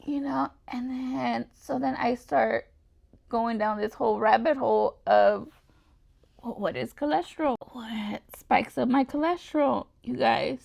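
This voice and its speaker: Young female vlogger, chatty and rambling, with a gravelly, fry-heavy voice pitched a little high. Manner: rambling and animated, full of "like" and "you know". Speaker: beauty vlogger. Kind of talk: chatty get-ready-with-me vlog. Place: home.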